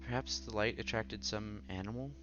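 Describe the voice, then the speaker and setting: Over quiet background game music, a man with a low-leaning, fairly even voice reads a visual novel aloud at a moderate pace. As a streamer he drifts into casual asides and breaks off to react, all in lo-fi sound.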